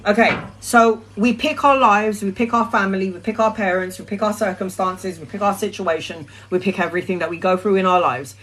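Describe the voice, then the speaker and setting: A woman's voice: medium pitch, steady tone, fairly quick, hardly any pauses, a bit bright, slight background noise, rough recording. A middle-aged woman chatting casually on a live stream, answering viewers' questions as a tarot reader in a blunt, sweary, rambling way.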